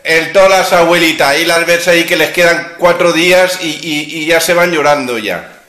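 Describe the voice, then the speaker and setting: A man's voice: a little high, moderate pace, sharp tone, reverberant. A man hosting a casual talk over a video call, blunt and scornful, firing off rhetorical questions. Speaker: host. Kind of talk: casual chat.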